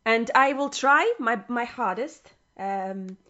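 A woman's voice: a little high, slow, bright, forceful tone. A woman co-hosting a casual podcast, playfully reading out quiz items to her co-hosts. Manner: playful, giggly, reads quiz items aloud. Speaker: podcast co-host running a quiz segment. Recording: dull lo-fi sound.

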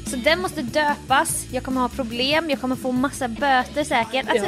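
A woman's voice: high voice, music in the background. A young woman co-hosting a casual podcast, telling stories and acting out little exchanges with laughs. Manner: animated storytelling, acts out little dialogues with laughs. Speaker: podcast co-host. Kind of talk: casual chat.

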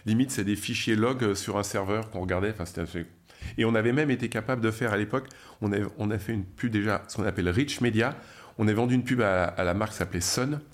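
Speaking fast in a lowish voice, a middle-aged media founder from France tells the story of his career as an interview guest, chatting freely with plenty of fillers and false starts.

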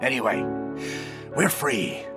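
A man voicing a plucky, rough-spoken male spacer on a crutch who talks in folksy, ungrammatical speech. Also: mid-range voice, big pitch swings, takes it slowly, music in the background, pitched above the performer's own voice. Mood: cheerful. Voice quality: gravelly. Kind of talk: storybook character voice.

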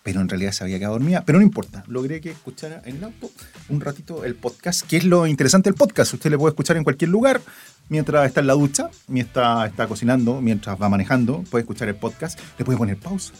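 A man's voice: medium pitch, lively intonation, fast, darkish tone, soft background music. A man with a Chilean accent co-hosting a podcast in casual, colloquial, teasing chat. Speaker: podcast co-host.

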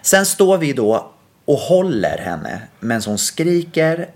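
A man hosting a podcast, telling a story casually with lively quoted dialogue and frequent restarts. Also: fairly high pitch. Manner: animated retelling with quoted dialogue and many restarts. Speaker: podcast host.

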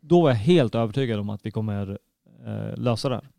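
A man's voice: lowish voice, vocal fry, warm tone, no echo, clean studio sound. A man co-hosting a football podcast in easygoing casual chat. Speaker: podcast co-host.

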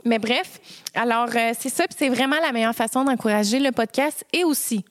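A woman's voice: a little high, brisk, no room sound. A young woman with a Québécois accent hosting a podcast in casual, slangy chat with some English words mixed in. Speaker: podcast host.

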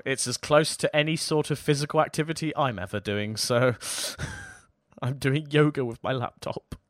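As a podcast co-host, a young British man chats casually about tech, joking and poking fun at himself. His medium-pitched voice, at normal speed, sounds slightly worn, tired, and a little strained. The background is noisy.

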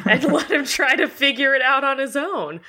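A woman player improvises game narration in a casual style. Her voice is high and bright, unhurried, and very lively in pitch. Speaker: tabletop role-playing podcast player.

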